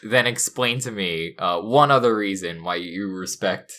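A man's voice: on the low side, unhurried, sharp tone. A young man co-hosting a casual comedic chat, playful and mock-serious, often laughing. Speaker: podcast co-host.

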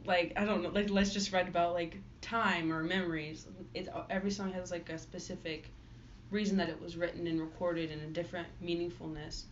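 Speaking fairly quickly in a lowish, flat voice, a young woman who writes and sings her own songs chats her way through an interview. She's talkative and leans constantly on fillers, especially "like." Faint noise runs through the dull, lo-fi recording.

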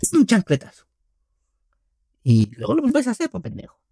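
A young man with a Mexican accent riffs in a casual, crude comedic monologue. His voice is gravelly and mellow, and it swings up and down in a lively way. The sound is dry and close. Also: high-pitched, moderate pace, no room sound. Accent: Mexican Spanish. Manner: crude, joking, slangy.

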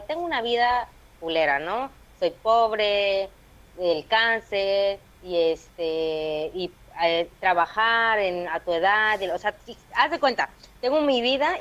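Brief: female comic from Veracruz, Mexican accent, tells stories intensely, slightly dull lo-fi audio. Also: mid-range voice. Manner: lively, intense storytelling with quoted asides. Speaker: stand-up comedian. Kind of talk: casual interview chat.

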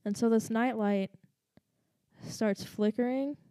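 A woman's voice: on the high side, fairly even intonation, takes it slowly, mellow, no room sound, clean studio sound. A woman with a slight lisp, telling a story in a casual, rambling way with lots of fillers and asides.

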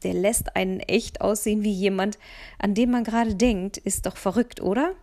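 A woman voicing a cheeky, playful teenage boy in an audiobook, with a slightly creaky voice. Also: medium pitch, steady tone, normal speed, a little mellow, lightly acted. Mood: teasing. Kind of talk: audiobook dialogue.

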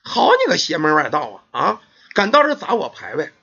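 A man's voice: fairly high pitch, wildly swooping pitch, moderate pace, gravelly, dull audio, a crowd in the background, full character voice. A man voicing a vengeful weasel spirit that possesses a young woman, cursing and threatening in a storyteller's retelling. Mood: furious.

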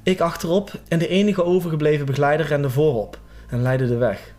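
A man reading a horror story aloud as a scripted narration, in a steady, suspenseful way. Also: fairly high pitch, brisk, soft background music.

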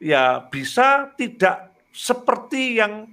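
Bright, animated man explaining earnestly. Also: sits high, slow, clean tone. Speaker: guest speaker. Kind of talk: casual advice talk.

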